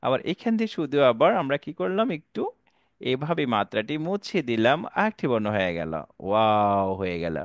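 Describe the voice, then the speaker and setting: A male Quran teacher giving an online alphabet lesson, drawing out each letter slowly and asking viewers to repeat after him. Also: medium pitch, sing-song, no echo, studio quality. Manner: slow, drawn-out letter recitation for viewers to repeat; patient, repetitive teaching.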